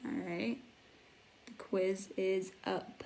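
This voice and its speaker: A woman's voice: medium pitch, steady tone, drawn-out words, vocal fry, darkish tone, a little hiss or hum. A woman teaching a live online English class, patiently explaining words and encouraging her students. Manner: patient, encouraging, imitates sound effects.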